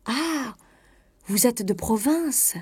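A boastful, bossy gentleman official in a storybook reading, put on by a woman narrator. He speaks up high and loud, pressing his help on everyone, in a mellow, dry voice. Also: lively intonation, extremely slow, husky, no echo, exaggerated voice. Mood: pompous. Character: pompous self-important male state official.

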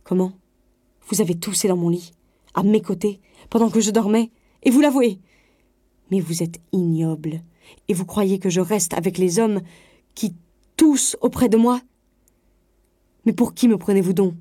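A woman voicing an excitable wife woken in the night, raising her voice in shrill indignation. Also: normal speed, breathy edge, no room sound, clean studio sound. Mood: outraged. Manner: shrill and outraged, exclaiming.

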